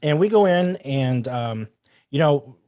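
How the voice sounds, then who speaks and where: A man with a middle-pitched voice tells a casual story in a lively way, acting out his own thoughts and what others said. The sound is dry and close, with no room echo. He talks like a self-defense trainer sharing a lesson from life. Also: takes it slowly. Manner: animated, quotes himself and others in asides. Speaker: firearms trainer guest.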